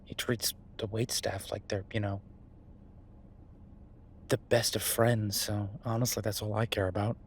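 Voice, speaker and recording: Unhurried and flat, his fairly low voice leaves long pauses as he portrays Beau, an easygoing chef calming his werewolf partner. The tone is wry and amused, conversational yet hesitant. Slight background noise and ambient sound effects run through this naturalistic roleplay.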